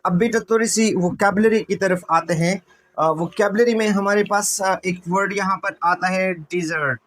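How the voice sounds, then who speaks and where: In a low-quality recording, a man with a high-pitched, somewhat bright voice explains a classroom-style English vocabulary lesson. Speaking at a moderate pace in a steady tone, he repeats words and poses questions to his students that he answers himself.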